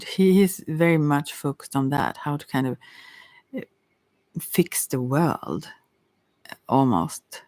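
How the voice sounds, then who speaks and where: On a live stream, a tarot reader chats casually through an improvised reading, rambling and hesitant. Her voice is medium-pitched and warm, and the recording is dry with close sound.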